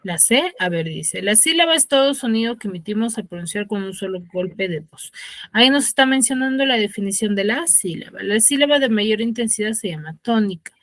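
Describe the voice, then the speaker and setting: A woman teaching a class over a video call reads passages aloud at an even pitch, then explains what they mean. She calls on students one by one. Her voice sounds dry and close, with no room around it. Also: a little fast, no echo. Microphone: computer or phone on a video call.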